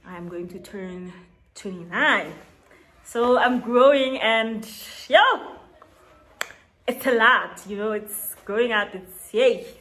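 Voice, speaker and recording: Speaking slowly in a slightly bright voice on the high side, a South African woman in her late twenties chats to camera for a get-to-know-me YouTube vlog. She's in a small indoor room with shelves. She laughs frequently and stretches words to emphasize them.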